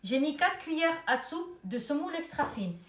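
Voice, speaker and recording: A woman with a Tunisian accent hosting a casual cooking tutorial at home, talking warmly to viewers as if to her own daughters and children. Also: high-pitched, big pitch swings, normal speed. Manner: chatty, addresses viewers as girls and children. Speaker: cooking channel host. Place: home kitchen. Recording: echoey kitchen with faint noise.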